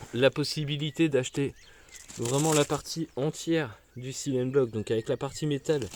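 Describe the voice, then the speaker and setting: Laid-back man walking viewers through a car repair, informal, average pitch, faint outdoor noise. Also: darkish tone. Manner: informal, slangy, addresses viewer as "tu". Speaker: car mechanic tutorial host. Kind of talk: casual how-to explanation.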